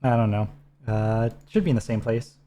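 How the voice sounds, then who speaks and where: Mellow-voiced man guiding a game. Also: fairly low pitch, brisk. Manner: relaxed, instructive, talks teammate through menus. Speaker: streamer co-host. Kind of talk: casual gameplay chat.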